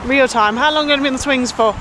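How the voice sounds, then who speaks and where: A vlogger mum of two rambles chattily through her day, filling her speech with lots of "like." Her high-pitched voice races along, with background noise in the recording.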